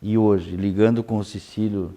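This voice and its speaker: A man São hosting an unscripted conversational interview, haltingly repeating words as he searches for phrasing. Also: fairly low pitch, fairly even intonation, mellow. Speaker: interview host.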